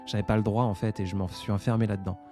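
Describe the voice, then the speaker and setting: A man's voice: lowish voice, flat delivery, very fast, music in the background. A man in his twenties hosting a casual live stream, answering viewer comments in a hesitant, reflective way with many fillers. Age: 20s. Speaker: livestream host.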